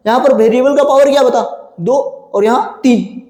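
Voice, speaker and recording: A man's voice: extremely high pitch, normal speed, dark tone. A male maths teacher giving a classroom lecture, repeatedly asking questions and answering them himself, calling his viewers children. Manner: addresses viewers as children and brother. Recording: echoey room with long reverb.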